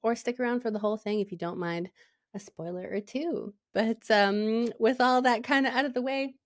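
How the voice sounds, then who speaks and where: A woman's voice: on the high side, normal speed, no room sound. A young woman from Alberta hosting a casual book podcast, bubbly and chatty, laughing often and leaning on filler words. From Canada, Alberta. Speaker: podcast host.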